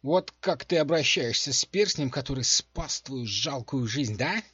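A man voicing a touchy, sarcastic magic ring that speaks as a female, in a husky voice on a dull home recording. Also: medium pitch, lively intonation, extremely slow, no echo, voice pushed up, full character voice. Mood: indignant.

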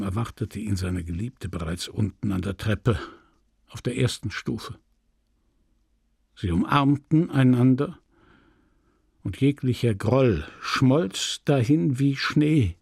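A man reading a literary novel aloud as an audiobook, measured and expressive. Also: mid-range voice, dry recording, clean studio sound. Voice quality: gravelly, husky. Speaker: audiobook reader.

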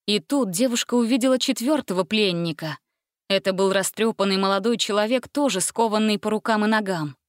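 A woman narrating a fairy-tale storybook with a lively, expressive reading. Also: medium pitch, brisk, dry recording, studio quality.

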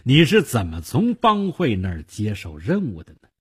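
A man voicing a shrewd, wealthy older uncle who talks in a measured, quietly persuasive way, with a husky voice. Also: mid-range voice, wildly swooping pitch, full character voice. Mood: calm scheming.

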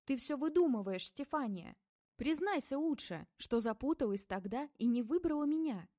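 A woman's voice: high-pitched, animated, normal speed, mellow, dry recording, studio quality. A woman voicing an accusing, sarcastic ex-lover. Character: angry jealous ex-lover, adult man.

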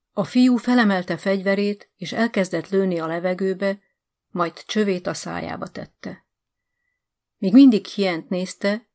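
A woman narrating an audiobook short story in a calm, measured literary reading. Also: lowish voice, creaky.

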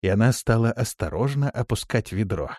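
A man narrating an audiobook in an expressive, steady storytelling manner. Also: on the low side, fairly quick, no echo, studio quality. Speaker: audiobook reader. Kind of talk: scripted narration.

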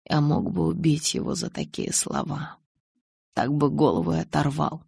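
A woman reading a calm, restrained young man. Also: low voice, normal speed, creaky, husky, dry recording, clean studio sound, heavily acted. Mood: calm tender. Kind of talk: audiobook character reading.

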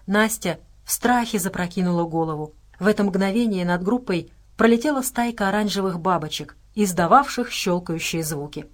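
A woman narrating an audiobook in an even, measured reading style. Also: medium pitch. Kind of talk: scripted narration.

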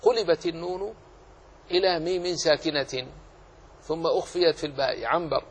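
A man's voice: on the high side, normal speed, a little hiss or hum, low-quality recording. A man teaching a lesson on Quran recitation rules, explaining patiently and repeating key phrases. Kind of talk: Islamic lesson on tajweed rules.

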